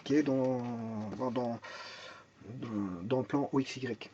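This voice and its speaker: A man's voice: mid-range voice, takes it slowly, warm tone, lo-fi sound, slight background noise. A man teaching a math and physics lesson, explaining step by step, thinking aloud, repeating words and restarting often, and asking and answering his own questions.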